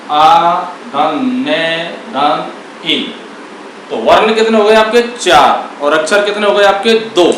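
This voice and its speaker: A man teaching a grammar lesson, asking questions and answering them himself, repeating key words and sounding out syllables slowly. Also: high voice, fairly bright tone, very echoey, distant mic, a little hiss or hum, rough recording. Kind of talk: classroom lesson.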